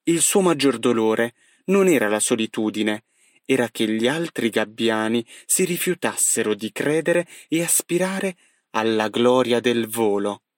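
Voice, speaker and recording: A man reads a book passage aloud in a steady, earnest storytelling voice. His pitch sits in a middle range, and the sound is close and very dry. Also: unhurried, no echo. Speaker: reader.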